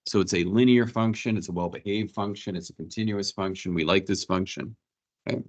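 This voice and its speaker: A man's voice: sits low, steady tone, brisk, a little mellow. A male math teacher lecturing a class, questioning students and walking them through each step.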